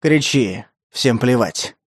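A man voicing a lecherous, menacing older stepfather who talks in a wheedling, breathy way. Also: mid-range voice, animated, slow, no room sound, clean studio sound, pitched below the performer's own voice. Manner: wheedling, breathy, then snarling.

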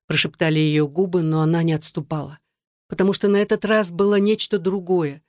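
Measured audiobook narrator. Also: medium pitch, darkish tone, no echo, clean studio sound.

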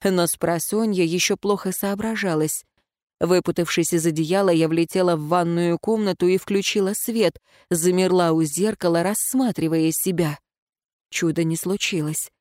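A woman's voice: lowish voice, steady tone, normal speed, darkish tone, no room sound, clean studio sound. Woman narrating a first-person audiobook.

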